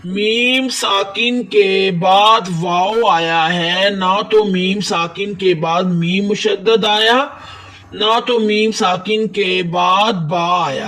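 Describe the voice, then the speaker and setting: A man's voice: high voice, a bit bright, far from the mic. A man with a Pakistani Urdu accent, teaching Quran recitation step by step, patiently spelling out and reciting words. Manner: slow, patient explanation with drawn-out recited words. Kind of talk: step-by-step tajwid lesson.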